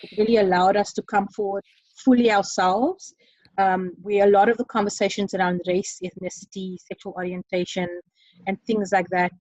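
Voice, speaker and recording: A woman facilitating an online session, speaking earnestly with many ums and pauses. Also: medium pitch, steady tone, darkish tone, dry recording, low-quality recording. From South Africa. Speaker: webinar facilitator. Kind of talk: online presentation. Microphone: computer mic on a video call.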